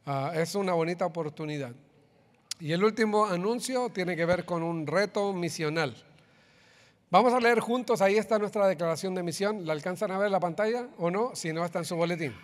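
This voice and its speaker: In a church sanctuary with long hall reverb, a pastor with a Chilean Spanish accent gives upbeat church announcements. Addressing the congregation directly, he leads them through a group reading in a high voice, speaking a little fast.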